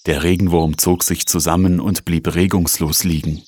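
A man narrating a children's story in a slow, measured storytelling manner. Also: sits low, little pitch movement, a little mellow.

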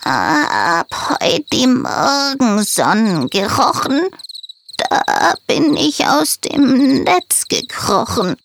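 A woman's voice: a little high, very animated, drawn-out words, creaky, noisy background, pitched above the performer's own voice, full character voice. A woman voicing a forgetful old female spider with a trembling voice, in a children's audio story. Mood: nervous.

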